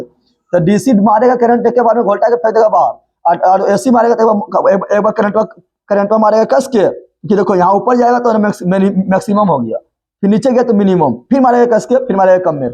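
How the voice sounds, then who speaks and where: A man's voice: sits high, darkish tone, husky. A male physics teacher, lecturing a class, repeating every question back to the students and scolding them playfully. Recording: dull lo-fi classroom recording.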